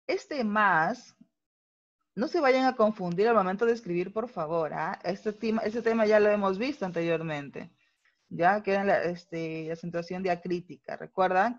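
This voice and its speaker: Slow-paced Peruvian woman teaching online. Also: medium pitch, lo-fi sound. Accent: Peruvian Spanish. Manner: explains slowly, checks in with frequent tag questions. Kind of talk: online class lecture.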